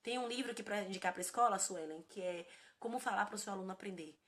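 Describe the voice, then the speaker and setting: A woman's voice: medium pitch, quick pace. A woman in her thirties from Brazil, a parenting educator chatting casually on a phone live stream and answering viewers by name. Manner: warm, earnest, addresses viewers by name and as "gente".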